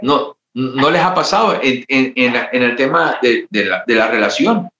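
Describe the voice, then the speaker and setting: A man's voice: medium pitch, lively intonation, moderate pace, sharp tone. A man preaching a sermon as pastor, with a passionate delivery and dramatized quotations. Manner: impassioned preaching, acting out quoted voices. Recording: roomy, slightly dull sound.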